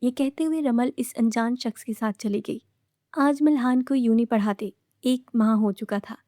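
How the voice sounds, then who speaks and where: A woman reading a romance novel aloud as its narrator, in a steady storytelling manner. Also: fairly high pitch, moderate pace, no room sound, studio quality.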